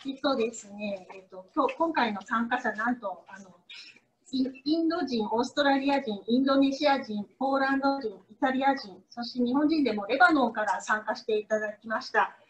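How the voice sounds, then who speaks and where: A woman moderator wraps up an event formally but hesitantly, pausing on fillers between phrases. Her voice sits somewhat high. The sound is slightly dull and muffled. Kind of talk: formal closing announcement.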